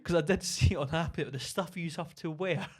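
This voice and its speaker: A man's voice: a little high, fast talker. A man hosting a podcast, asking questions in a joking, laughing manner. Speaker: podcast host. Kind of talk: casual podcast chat.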